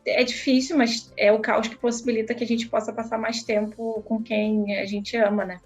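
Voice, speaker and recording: A woman's voice: a little high, little pitch movement, normal speed, slightly rough, soft background music. A woman with a Brazilian Portuguese accent co-hosting a podcast, reflective and thinking aloud in casual chat with fillers and tag questions. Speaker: podcast co-host. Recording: dull lo-fi recording.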